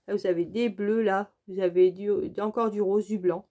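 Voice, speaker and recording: A woman's voice: mid-range voice, fairly even intonation, normal speed, dark tone. A woman hosting her crafting channel, walking viewers through an unboxing in a casual, chatty way, full of "donc, euh" fillers and direct asides to the viewer.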